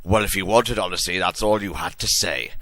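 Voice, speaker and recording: A man's voice: sits low, fairly quick, pushed and bright, no room sound. A man voicing a dramatic, earnest and indignant male character in a hammy, declamatory story reading.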